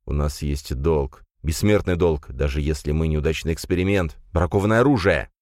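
A weary immortal twilight elf speaks with bitter restraint, as a male narrator puts him on. The voice is very low and plain, in an audiobook fantasy reading. It is recorded close and dry. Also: normal speed, a little mellow, no room sound. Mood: grim.

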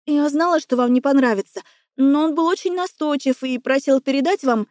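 A woman voicing a kind, caring female assistant with a gentle, apologetic way of speaking, in an audiobook. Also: high-pitched, a little fast, dry recording, studio quality, lightly acted. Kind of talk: audiobook character voice.

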